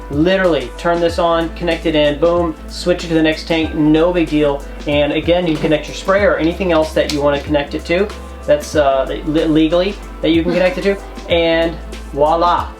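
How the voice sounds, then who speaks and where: A man co-hosting a travel vlog, giving tips in a chatty, joking, emphatic way. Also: a little high. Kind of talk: casual how-to chat.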